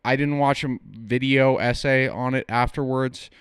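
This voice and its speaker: Guy getting drunker doing movie reviews, rambly and stumbly, clear voice, really dry close sound. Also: mid-range voice, fairly even intonation, measured pace, no room sound. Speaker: film reviewer. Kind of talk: casual comic film tier-list commentary.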